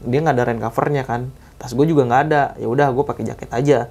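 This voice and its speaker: A young man tells a spooky story in casual slang. His voice is mellow and warm, sitting at a middle pitch. He brings the quoted dialogue to life as he goes. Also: steady tone, fast talker, breathy edge. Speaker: guest telling a true hiking ghost story.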